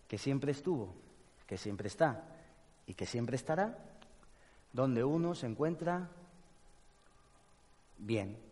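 A man with a Spain Spanish accent giving a lively talk to an audience, blunt and joking and swearing casually. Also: mid-range voice. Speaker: speaker giving a talk on inner peace. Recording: long hall reverb.

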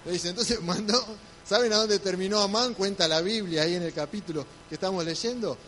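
A man's voice: high voice, fairly quick, a bit bright, slight background noise. A man with a Rioplatense accent preaching a sermon, retelling a scripture story and asking the congregation questions. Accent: Rioplatense Spanish.

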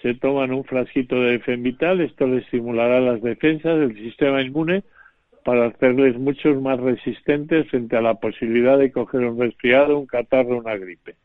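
A male doctor heard over the phone, giving measured, formal advice on a radio show. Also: medium pitch, fairly even intonation, no room sound. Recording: dry narrow phone line.

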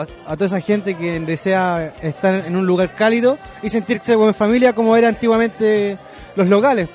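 Earnest restaurant owner, high voice. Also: male voice. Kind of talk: describing his business on radio.

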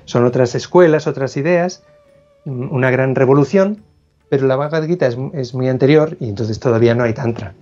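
A man's voice: medium pitch, fairly quick, warm tone, lo-fi sound, faint music behind. A man, a philosophy scholar, explaining ideas as an interview guest, thoughtful and prone to restarts and self-corrections.

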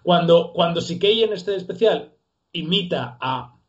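A man's voice: a little high, expressive, measured pace, muffled recording. A man speaking as a guest in a casual discussion, emphatic and argumentative. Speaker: podcast guest.

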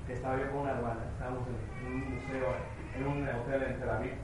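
A man preaching a sermon with a Mexico City accent, swinging between loud emphatic declarations and low confiding asides. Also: level tone, fast talker. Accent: Mexico City Spanish. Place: church hall. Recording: very echoey church hall with faint noise.

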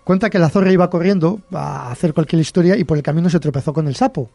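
Man, Cantabrian accent, podcast host, folk tale storytelling, chatty, chuckling, mellow, fairly high. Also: fast, vocal fry, no echo, faint music behind.

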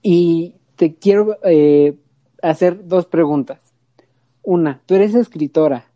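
Woman podcast host, low-pitched and bright, earnest questioner, dry recording. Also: takes it slowly, no echo. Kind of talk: asking interview questions.

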